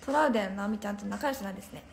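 A woman's voice: medium pitch, racing, gravelly, reverberant, a little hiss or hum. A young woman hosting a phone live stream, chatting casually with viewers, reading out their comments and laughing often. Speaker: Instagram live host.

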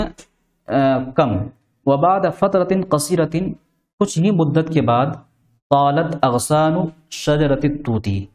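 Man teaching a translation lesson slowly. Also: fairly high pitch, a little mellow. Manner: reads a phrase, then glosses it word by word. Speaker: Arabic teacher.

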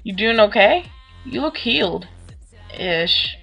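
Woman plays cheerful young guy ghost hunter, teasing, bright breathy tone, lively pitch. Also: slow, lo-fi sound, soft background music, exaggerated voice. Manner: excitable, teasing. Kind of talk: fan audio drama.

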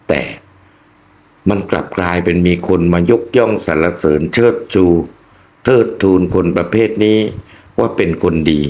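A man in his sixties, a channel host, giving a slow reflective monologue to his viewers and often calling them friends. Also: sits low, darkish tone. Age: 60s. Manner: slow, preachy, addresses listeners as friends.

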